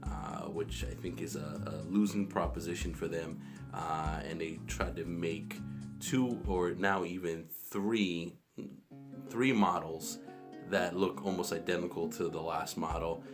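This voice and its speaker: Male tech vlogger, deep voice, filler-heavy casual delivery, phone recording with bathroom echo. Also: fairly even intonation, measured pace. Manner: rambling, many restarts and fillers. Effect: echoey bathroom sound. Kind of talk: casual tech talk to camera. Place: small home bathroom. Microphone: phone camera. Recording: echoey bathroom with background guitar music.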